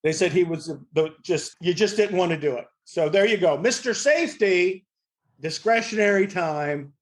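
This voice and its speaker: A man's voice: on the high side, a little fast, a little mellow. A middle-aged or older man talking casually on a panel in a blunt, salty, joking way. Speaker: fire service podcast panelist.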